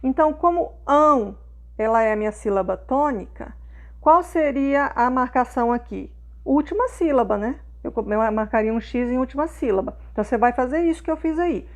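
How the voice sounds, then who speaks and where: A woman's voice: sits high, lively intonation, a little fast. A woman teacher patiently walks young pupils through schoolwork, often checking in with short questions.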